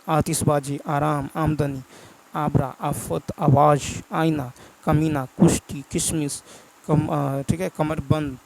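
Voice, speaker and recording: Man, Bihar Hindi accent, gravelly slightly high voice, exam answer walkthrough, faint noise behind. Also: darkish tone, poor audio. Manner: reads each question, then repeats the answer. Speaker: teacher. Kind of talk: exam prep lesson going through answers.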